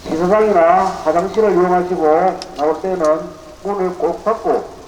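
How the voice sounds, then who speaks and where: Campsite PA announcer, woman, formal and measured, low-ish voice booming through an echoey outdoor loudspeaker. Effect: heard over an outdoor loudspeaker PA.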